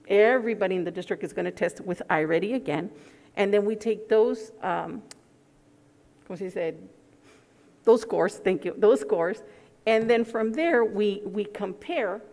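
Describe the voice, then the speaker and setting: Speaking through a face mask that slightly muffles her mid-range, somewhat mellow voice, a woman presents a school program formally and fields questions. She's in a large indoor board meeting room, and the hall's echo comes through on the recording.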